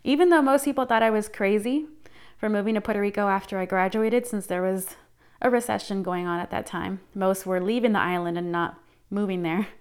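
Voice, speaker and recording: A woman's voice: mid-range voice, brisk, smooth. A woman in her thirties hosting her own podcast, telling her life story in an upbeat, scripted narration. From United States. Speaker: podcast host.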